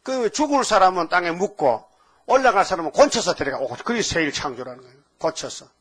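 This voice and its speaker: Older male preacher with sudden loud rises. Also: high voice, expressive, a little fast, husky. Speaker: pastor. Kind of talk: sermon.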